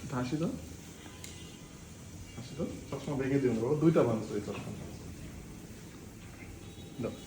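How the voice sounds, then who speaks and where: A man's voice: medium pitch, normal speed, pauses often. A young man, a father, talking tenderly to his toddler at home in playful, coaxing baby talk and mock pleas. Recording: roomy echo with faint room noise.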